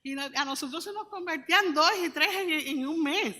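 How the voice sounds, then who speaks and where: Woman, missionary speaker, church testimony, bright voice, fairly high pitch, earnest storytelling. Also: normal speed.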